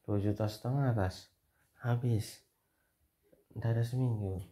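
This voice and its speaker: A man's voice: medium pitch, fairly even intonation, measured pace, dark tone. A man with a Javanese-Indonesian accent, teasing his wife in a casual home video before turning coaxing and apologetic. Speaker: husband filming a family prank video. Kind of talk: teasing casual family banter.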